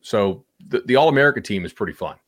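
A man talking casually on a podcast as a sports betting analyst, animated and chatty with lots of fillers. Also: lowish voice, fast.

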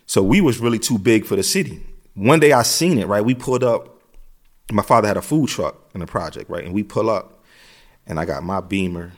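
Man, middle-aged, American, lowish voice, streetwise storytelling, repeats himself. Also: animated, fairly quick. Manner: streetwise, repeats phrases, frequent "you know what I'm saying". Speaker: interview guest. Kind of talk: casual storytelling.

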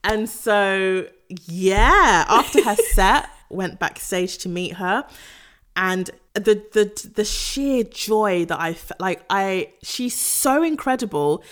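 A young woman, a podcast guest, telling a story in casual chat, laughing and acting out quotes in a high voice. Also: lively intonation, slow pace, fairly bright tone.

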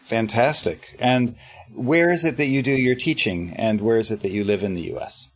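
A man's voice: mid-range voice, normal speed. A man hosting an interview, asking long, polite, encouraging questions. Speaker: interviewer host.

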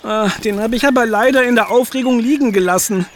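An actor playing Hugo, an excitable, fretful animal in a children's audio drama, talking in a rush of worry. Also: male voice, very high voice, fast. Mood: storytelling. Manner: anxious, excitable, eager. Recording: audible background noise.

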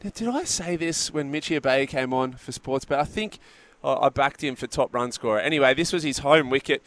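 A man's voice: mid-range voice, a little fast, a bit bright. A man with an Australian accent hosting sports talk radio in a conversational style on a close studio mic. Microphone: close studio broadcast microphone.

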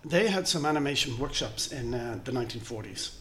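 A man's voice: mid-range voice, animated, fairly quick, bright, forceful tone. An Irish-accented man explaining in a conversational, discursive way, circling back and repeating words as he goes. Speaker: interview guest, film historian. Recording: clear background noise, ambient sound.

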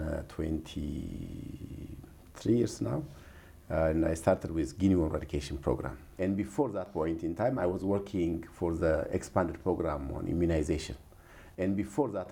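A man's voice: deep voice, lively intonation, normal speed, creaky, dark tone, husky. A man from Ethiopia with an Ethiopian accent, telling his story in an interview, earnest and hesitant with many fillers. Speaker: guest, regional health program director.

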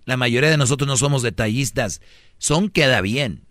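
Brash Mexican male host, mid-pitch, dry studio, comic sermon on dating. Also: normal speed, a bit bright, no echo. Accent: Mexican Spanish. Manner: brash, preachy, mimics voices for jokes. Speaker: radio host giving dating advice. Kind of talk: comic radio monologue.

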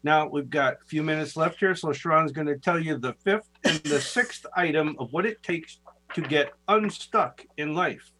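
A man hosts a radio call-in show in a fairly high voice with a husky grain. His delivery is courteous and promotional, that of a practiced on-air presenter chatting with his audience. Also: normal speed, bright, forceful tone, soft background music, low-quality recording. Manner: courteous, plugging the phone lines. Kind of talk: upbeat on-air promotion and chat.

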